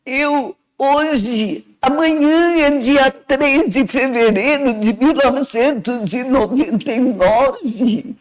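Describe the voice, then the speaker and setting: An earnest Brazilian woman shares her own story as a radio guest. She talks at an unhurried, deliberate pace, reflective in tone and often adding "né" as she goes. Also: high-pitched, low-quality recording. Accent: Brazilian Portuguese. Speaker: guest sharing a personal testimony. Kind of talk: emotional first-person storytelling.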